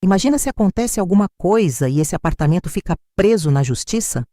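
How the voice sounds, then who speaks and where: A woman with a Brazilian accent voicing a smooth, insistent nephew who coaxes an older relative. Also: fairly low pitch, lively intonation, brisk, mellow, dry recording, clean studio sound, lightly acted. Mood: coaxing. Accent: Brazilian Portuguese. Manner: coaxing, insistent. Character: middle-aged male nephew, smooth persuader.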